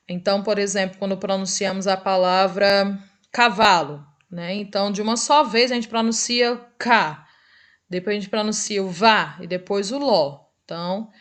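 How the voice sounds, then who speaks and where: A woman teacher with a Brazilian Portuguese accent and a medium-pitched voice gives a recorded review lesson. She is patient, checks in often with short tag questions and draws out example words slowly.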